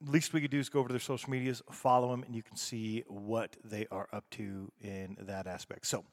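A man's voice: fairly low pitch, little pitch movement, a little fast. Man hosting in an echoey garage. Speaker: music show host. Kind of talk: casual podcast announcing between songs. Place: indoors in a garage. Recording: echoey garage, long reverb.

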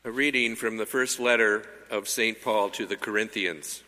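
A man reading scripture as a lector at a church service, solemn and deliberate, with cathedral echo around his voice. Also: fairly low pitch, fairly even intonation, pushed and bright. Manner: measured, solemn, deliberate phrasing. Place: large church during a service. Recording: echoing church hall, long cathedral-like reverb.

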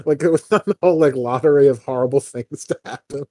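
A man's voice: mid-range voice, fast, darkish tone, no echo. A man co-hosting a podcast, talking in a rambling casual way, full of "like" fillers and the odd swear. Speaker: podcast co-host. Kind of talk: casual political chat.

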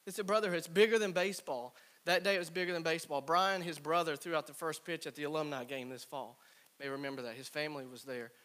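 A man in his thirties tells a team stories from his playing days, acting out his old teammates as he goes. His voice sits fairly high for a man, and it drops to soft murmurs for the asides. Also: fast. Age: 30s. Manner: animated storyteller, acts out quoted teammates. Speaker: former college baseball player speaking to a team. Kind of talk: storytelling talk to players.

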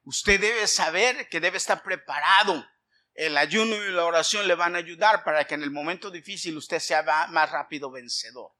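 A middle-aged male pastor preaching with a very bright, sharp edge to his voice and a pitch that sits a little high. He tells a personal testimony in an animated way and keeps calling out to the congregation as brothers. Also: normal speed.

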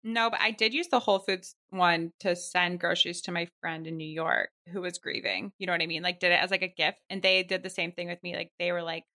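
A woman's voice: on the low side, brisk, few pauses, bright, forceful tone. A woman co-hosting a podcast, chatting in a bubbly, casual way. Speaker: podcast co-host. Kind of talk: casual chat.

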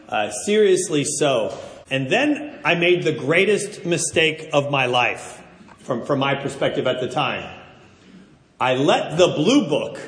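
A middle-aged man preaching a sermon, telling stories in an animated, self-deprecating way. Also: a little high. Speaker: pastor. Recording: roomy hall reverb.

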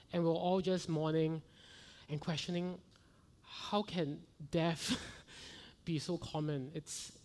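A middle-aged male pastor preaching a sermon, earnest and building to fervent rhetorical questions. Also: fairly high pitch.

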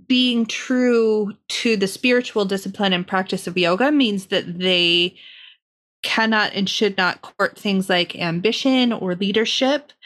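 A woman in her forties co-hosting a podcast, explaining her ideas in a thoughtful, measured way. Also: medium pitch. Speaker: podcast co-host. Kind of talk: casual podcast conversation.

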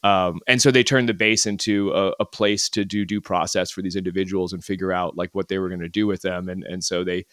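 A man's voice: low-pitched, fairly even intonation, fairly quick, hardly any pauses, fairly bright tone, clean tone, no room sound, clean studio sound. An American man talking as a podcast guest, telling stories in a rambling way with many restarts and "like" fillers. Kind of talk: casual interview chat.

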